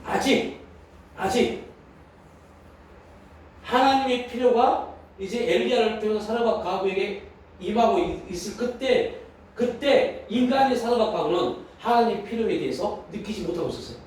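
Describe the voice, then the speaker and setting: Male pastor, sermon delivery, rhetorical questions; high voice, distant mic, faint noise. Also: normal speed, long pauses, a little mellow. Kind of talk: sermon at prayer meeting. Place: church hall. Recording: echoey hall from a distant mic.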